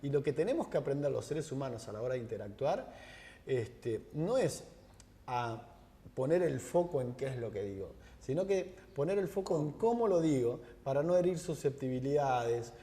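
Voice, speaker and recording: A man's voice: medium pitch, moderate pace. A man with a Rioplatense Spanish accent, a guest in a conversational interview, telling stories and acting out the dialogue. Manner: animated storyteller, acts out dialogue. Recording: long reverb.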